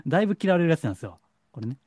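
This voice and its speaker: Animated man with a Kansai accent. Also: a little high, breathy edge, no echo, studio quality. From Kansai, Japan. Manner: lecturing, animated, slows for stress. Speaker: psychic counselor. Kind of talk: solo monologue to camera.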